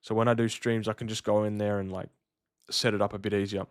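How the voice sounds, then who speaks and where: A man's voice: fairly low pitch, little pitch movement, fast talker, clear, resonant tone, no room sound, clean studio sound. A man, chatting casually to livestream viewers in a slangy, matey way. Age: 30s. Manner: laid-back slangy, matey address. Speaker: livestream host.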